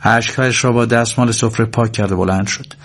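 Measured male audiobook narrator with a husky, gravelly grain. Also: medium pitch, fairly even intonation, a bit bright.

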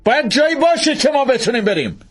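A man voicing an adult male professor, shouting and pleading with breathless urgency in an audiobook. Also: extremely high pitch, sing-song, voice pushed up, full character voice.

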